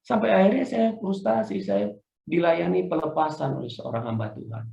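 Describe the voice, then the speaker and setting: A middle-aged man, a pastor preaching a sermon with personal testimony, swinging between loud preaching and quiet recollection. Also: a little high, sing-song, normal speed, vocal fry. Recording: echoey church hall, dull lo-fi sound.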